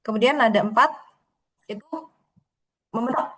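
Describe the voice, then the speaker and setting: Over a video call, a Mandarin tutor with a slightly high voice teaches her class. She's patient, slowing down to model every tone and drawing the syllables out for her students.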